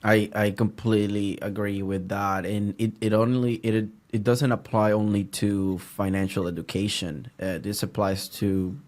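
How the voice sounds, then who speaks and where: A man with a Puerto Rican accent, a native Spanish speaker, hosting a casual podcast interview and talking haltingly with many restarts and fillers. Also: fairly low pitch, little pitch movement, a little mellow. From Puerto Rico. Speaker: podcast host.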